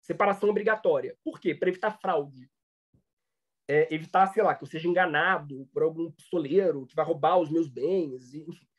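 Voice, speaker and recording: A man's voice: a little high, brisk. Hesitant Brazilian man lecturing, lo-fi. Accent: Brazilian Portuguese. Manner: hesitant, many fillers and restarts. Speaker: law professor. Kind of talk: online lecture.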